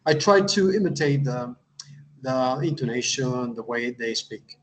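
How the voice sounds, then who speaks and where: A man who teaches English, giving a step-by-step tutorial in a halting way, often repeating words and adding uh. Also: mid-range voice, expressive, a little hiss or hum, rough recording. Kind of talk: instructional tutorial.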